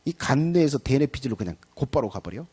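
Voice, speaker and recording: A man's voice: mid-range voice, very animated, fast talker, dark tone, breathy edge. A middle-aged man preaching a Sunday evening sermon as pastor, talking in a conversational way and acting out little everyday scenes. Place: church sanctuary.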